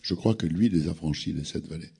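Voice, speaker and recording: Low dark-voiced man, halting and reflective. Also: vocal fry. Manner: halting, repeats words while searching. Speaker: actor and speaker on a panel. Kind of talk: reflective panel talk.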